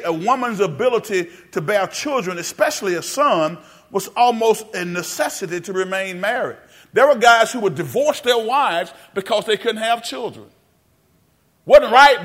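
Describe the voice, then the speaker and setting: A high-pitched, slightly bright male voice belongs to a pastor preaching in a church. He engages the congregation through call-and-response, posing questions to them, and talks in a folksy way, using "y'all" and "baby."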